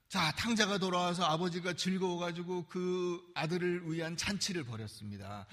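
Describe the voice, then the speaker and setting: A man preaching a sermon as pastor, animated and acting out the voices he quotes. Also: on the high side, breathy edge, long reverb tail. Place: church sanctuary.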